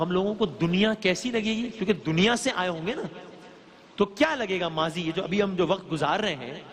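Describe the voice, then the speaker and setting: A woman's voice: medium pitch, long reverb tail. A woman giving an earnest religious lecture on scripture, often putting questions to her listeners. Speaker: religious speaker.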